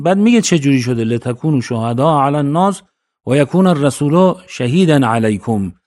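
A man delivering a religious lecture, moving between emphatic raised passages and low quiet asides, and slowing down to recite scripture. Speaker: preacher.

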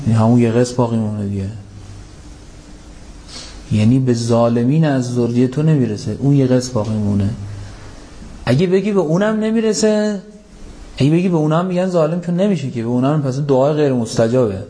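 A man's voice: medium pitch, pauses often, mellow. A man giving a Quran commentary sermon, asking rhetorical questions and reciting Arabic verses, stressing key points with an emphatic rise. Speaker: religious lecturer.

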